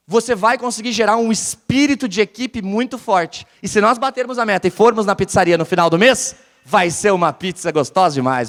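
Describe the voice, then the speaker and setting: Lively high-pitched southern Brazilian man in a hall. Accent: southern Brazilian (gaúcho). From Porto Alegre, southern Brazil. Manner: energetic, keeps quizzing the audience. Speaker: conference speaker. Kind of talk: live motivational business talk. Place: large hall with a live audience. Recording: reverberant hall sound.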